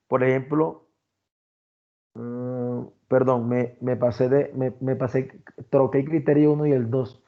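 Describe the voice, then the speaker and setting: Male lecturer, mid pitch, methodical teaching delivery, dull muffled recording. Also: steady tone, unhurried. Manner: explains criteria step by step, addresses students directly. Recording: dull lo-fi sound.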